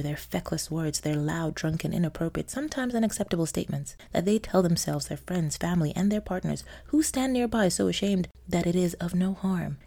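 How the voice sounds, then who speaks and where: A podcast host from Nigeria tells a scripted story, her low, mellow voice carrying a gravelly edge throughout. Her delivery is sardonic and wry, punctuated by soft laughter and theatrical emphasis.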